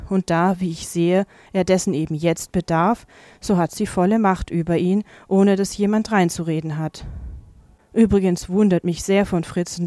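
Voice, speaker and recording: Lady reading as a steady firm dad in a storybook, low and measured, dry close sound. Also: dry recording, natural voice. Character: calm, firm father.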